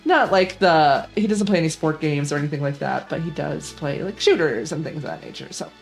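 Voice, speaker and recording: Young woman, rambling gaming vlog chat, lots of uh and um, fairly low voice, faint music behind. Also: fairly quick, vocal fry. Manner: rambling, chatty, many fillers and laughs. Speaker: gaming channel host. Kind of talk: casual gaming vlog commentary.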